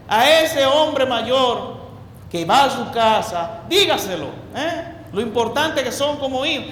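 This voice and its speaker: Man, high bright voice, emphatic lay preacher who repeats for stress, echoey hall with faint noise. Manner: asks the audience questions. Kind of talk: preaching talk to a congregation.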